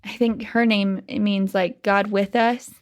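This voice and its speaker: A woman's voice: mid-range voice, fairly even intonation, unhurried. Easygoing woman chatting about scripture. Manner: easygoing, laughs easily. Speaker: church podcast co-host. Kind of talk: casual Bible study discussion.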